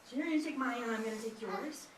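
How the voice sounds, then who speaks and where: A woman with a voice on the high side speaks fast, leading young kindergartners through chants and simple songs and coaxing them along in a teacherly sing-song. The indoor classroom is echoey, her voice comes from a distance, and a little hiss or hum is audible.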